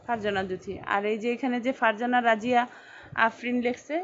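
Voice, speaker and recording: Chatty and high-voiced, an online clothing seller runs a live-stream sales chat in a brisk, fairly even intonation. She keeps repeating sizes and calling out buyer names over dull lo-fi audio with faint noise.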